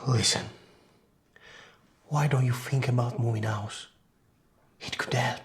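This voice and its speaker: A young actor playing a blunt younger brother in a horror film, sarcastic and quick to swear. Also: male voice, mid-range voice, steady tone, echoey room, natural voice. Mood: sombre. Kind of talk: film acting.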